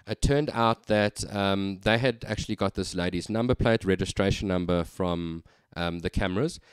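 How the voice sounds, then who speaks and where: Man, deep smooth voice, rambling vlog story, dry close sound. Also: no room sound. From South Africa. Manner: conversational anecdote with frequent ums. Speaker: vlogger. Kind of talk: casual storytelling.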